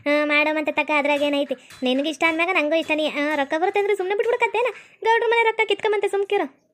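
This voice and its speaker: A woman with a very high, piercing voice and a North Karnataka Kannada accent. She rattles along quickly in a rustic, scolding, complaining tone, acting out village characters for a cartoon comedy. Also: a bit bright.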